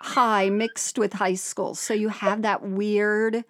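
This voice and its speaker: A woman's voice: medium pitch, flat delivery, slow. A woman podcast co-host reading a listener's story aloud, often breaking into laughter and exclamations.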